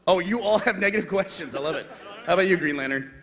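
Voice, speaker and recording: A man's voice: high-pitched, quick pace, a crowd in the background. A man moderating a live convention panel, joking and laughing often, on a stage mic in a big hall.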